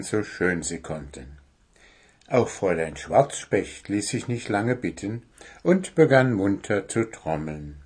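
A man reading a children's story aloud as narrator, calm and even. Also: low voice, slightly rough.

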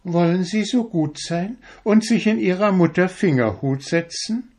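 A man's voice: high-pitched, a little slow, a little mellow, voice pushed up. A man doing a tiny, very polite mouse. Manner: very polite, formal. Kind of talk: storybook reading.

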